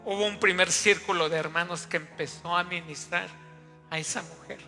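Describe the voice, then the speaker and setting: Very high, bright-voiced preacher. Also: male voice, fairly even intonation, moderate pace. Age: 50s. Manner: storytelling, speaks straight to the congregation. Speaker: pastor. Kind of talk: sermon. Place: church hall. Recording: long church hall reverb, faint music.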